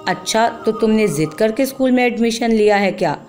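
A woman voicing a kind female schoolteacher who asks her questions softly and affectionately, over faint music. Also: on the high side, animated, brisk, close to an everyday voice. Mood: gentle. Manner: soft, affectionate.

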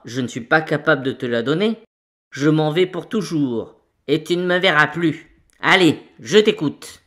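A man voicing a small, sour, spiteful female witch in a storybook reading, with a thin, shrill voice and a sneering manner. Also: fairly bright tone. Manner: sneering, taunting.

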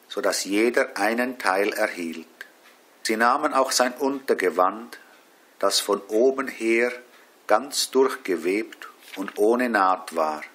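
A man leading a Stations of the Cross devotion, reading prayers and scripture in a slow, solemn way. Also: fairly low pitch, a bit bright, breathy edge. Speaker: prayer leader.

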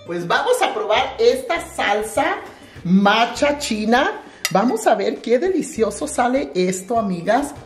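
Lively woman in her 50s tasting food. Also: a little high, measured pace, reverberant, faint music behind. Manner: warm, enthusiastic tasting comments, calls viewers friends. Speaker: guest cook, host's mother. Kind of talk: casual cooking vlog. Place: home kitchen.

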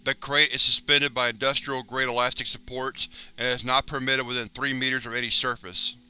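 A man reading a wiki entry aloud as a narrator, in a steady, formal, clinical way. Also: mid-range voice, a little fast, clear, resonant tone.

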